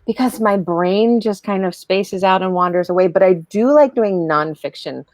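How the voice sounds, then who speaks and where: A middle-aged woman chatting casually as an author guest, animated and emphatic in a conversational way. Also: medium pitch, moderate pace, no room sound. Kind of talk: casual chat.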